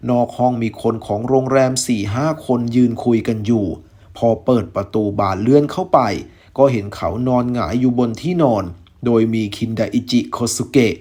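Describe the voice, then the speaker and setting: A man reading a novel aloud as a storyteller, in a steady, measured way. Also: mid-range voice, slightly rough.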